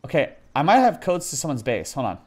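A male streamer giving urgent, rapid callouts to his teammates during a shooter game. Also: a little high, big pitch swings, a little mellow. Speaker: streamer playing a survival shooter. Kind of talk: live gameplay callouts.

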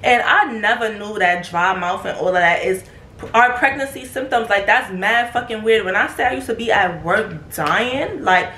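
A woman's voice: mid-range voice, normal speed, a little hiss or hum. Slangy young woman in an echoey room. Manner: slangy, profane, animated, breaks into laughter. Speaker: vlogger. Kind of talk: casual storytime chat.

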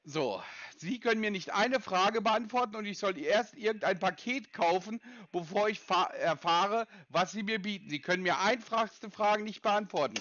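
A man's voice: high-pitched, moderate pace, few pauses, fairly bright tone, no echo, lo-fi sound. A man making a prank call to a scam call center, impatient and lecturing, talking over the other side. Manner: impatient, lecturing, interrupts often. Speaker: scam-baiting caller.

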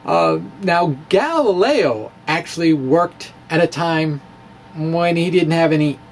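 In a small bookshelf-lined room, a middle-aged man who blogs about physics reads his writing aloud with drama and casual storytelling asides. He speaks slowly and expressively on the high side, close to a handheld-style mic on a stand, with clear room noise behind him.

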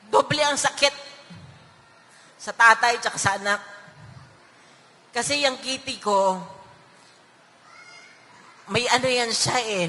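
A middle-aged woman near tears, telling a family story in halting pieces to a rally crowd from a stage. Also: a little high, bright, forceful tone, in a large hall. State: on the verge of tears. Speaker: rally speaker. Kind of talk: emotional speech at a political rally.

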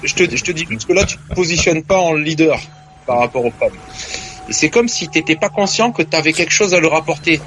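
A man's voice: fairly high pitch, lively intonation, brisk, a bit bright, a little hiss or hum. A man calling in to a radio show, giving earnest, insistent advice with hesitant restarts. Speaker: caller. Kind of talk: phone-in advice.

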